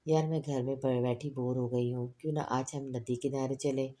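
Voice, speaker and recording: A woman's voice: a bass voice, fairly even intonation, warm tone. A woman reading as an overconfident young girl. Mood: eager. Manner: eager, pleading.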